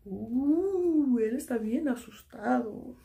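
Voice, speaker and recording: A woman teaching a children's drawing lesson, gently checking in with "ok" after each step and slipping English "so" into her Spanish. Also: on the high side, animated, slow pace, vocal fry. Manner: soothing, talks to toy friends.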